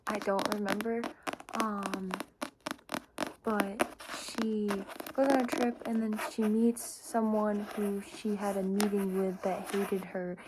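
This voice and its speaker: Soft ASMR woman with loud background noise. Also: medium pitch, flat delivery, takes it slowly. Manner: rambling, informal, hesitant. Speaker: ASMR book reviewer. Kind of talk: soft casual ASMR chat. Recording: noisy, with clicking and shuffling handling sounds. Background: tapping and scratching on books.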